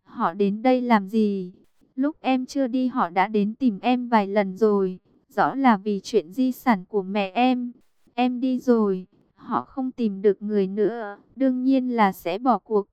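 A woman's voice: medium pitch, measured pace, smooth, dry recording, dull audio, lightly acted. A woman reading an audiobook and voicing a cool, blunt young man with a curt, mocking way of talking.

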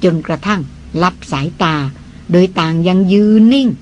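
A Thai audiobook reader narrating a novel in a measured, even manner. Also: medium pitch, dull audio, a little hiss or hum.

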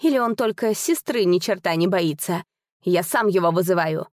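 A woman voicing a masked male trickster cavalier who speaks in a high, mocking, bitter tone. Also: lively intonation, moderate pace, darkish tone, no room sound, clean studio sound, natural voice.

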